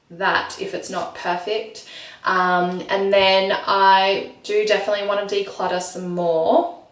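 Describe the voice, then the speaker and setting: A woman's voice: fairly low pitch, a bit bright, reverberant, far from the mic. A woman in her thirties talks unhurriedly to the camera, filling her sentences with ums and likes. She is in her bathroom, and the sound bounces around the room. She sits a little back from the mic. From Australia. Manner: chatty, many ums and likes. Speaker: vlogger. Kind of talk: casual vlog chat. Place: home bathroom.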